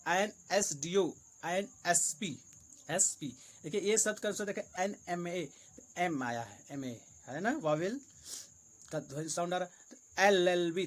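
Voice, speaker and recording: A man teaching English grammar for exam preparation, with Hindi-accented English, repeating each rule and example slowly to explain it. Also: high voice. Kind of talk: exam-prep grammar lesson.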